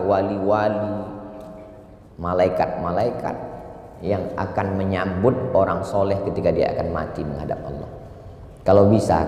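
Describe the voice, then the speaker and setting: A man preaching a sermon, an animated storyteller who lifts his voice high for quotes. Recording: reverberant hall with faint ambience.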